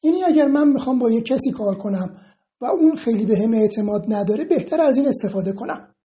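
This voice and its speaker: A woman instructor who reads out viewer questions about tapping therapy and answers them in a calm, reassuring, explanatory way. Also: a little high. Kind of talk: informal explanatory Q&A monologue.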